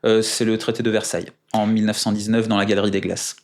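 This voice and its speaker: A man's voice: on the low side, little pitch movement, quick pace. Careful, hesitant man being interviewed. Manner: careful, formal phrasing with many hesitations; precise with numbers and dates. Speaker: guest. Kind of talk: casual interview.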